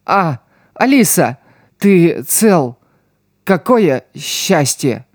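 Man playing wounded street girl, tough, resigned, weak strained voice, slow audiobook reading. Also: sits high, big pitch swings, darkish tone, dry recording, studio quality, pitched above the performer's own voice, full character voice.

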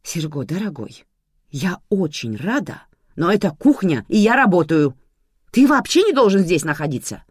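A reader voicing a calm but stern woman who runs a kitchen, speaking curtly. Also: medium pitch, moderate pace, no echo, clean studio sound, pitched above the performer's own voice. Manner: curt and stern. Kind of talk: audiobook character voice.

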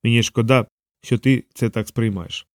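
A man reading an audiobook, voicing a calm, mysterious thief who speaks quietly and with detachment. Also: medium pitch, moderate pace, dry recording, clean studio sound, close to an everyday voice. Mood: quietly apologetic.

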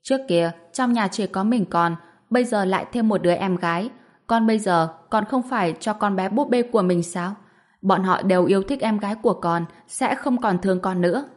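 A woman's voice: medium pitch, a little fast, lightly acted. A woman voicing a meddling old grandmother who goads a child over the phone, in an audio story. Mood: goading. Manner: insinuating, goading.

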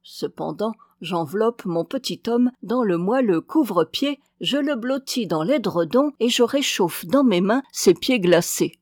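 A woman reading a classic novel aloud as an audiobook, tender and expressive. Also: mid-range voice, unhurried, hardly any pauses, no echo, studio quality. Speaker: audiobook reader.

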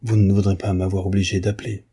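A man's voice: deep voice, flat delivery, quick pace, dark tone, breathy edge. A man reading an audiobook, voicing a young married woman who is dignified and commanding while shaken with emotion. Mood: wounded, stern.

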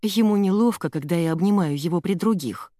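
A woman's voice: on the low side, fairly quick, dark tone, no room sound, studio quality, natural voice. A woman reading an audiobook, voicing a bustling, strict mother with an emphatic, scolding manner. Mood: fussing.

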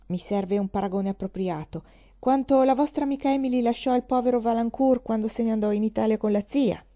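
A woman reading the part of a witty young gentleman who teases playfully and ironically. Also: on the high side, fairly quick, lo-fi sound, lightly acted. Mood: teasing.

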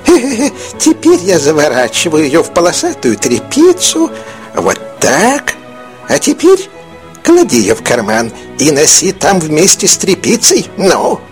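A man's voice: on the high side, wildly swooping pitch, measured pace, faint music behind, voice pushed up. A man voicing a lonely old village witch woman who cackles and wheedles. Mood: cackling.

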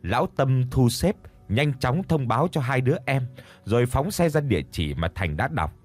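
Expressive male horror story narrator. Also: mid-range voice, normal speed. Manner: dramatic, expressive.

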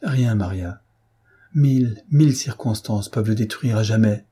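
A male reader voicing a composed elder sister in an audiobook, speaking in a measured, consoling way. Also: on the low side, warm tone, breathy edge.

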